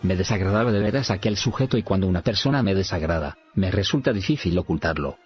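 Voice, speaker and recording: A male audiobook narrator reads in a measured way, even speaking punctuation aloud. His voice is very low, and faint music plays under a dull, lo-fi recording. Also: breathy edge.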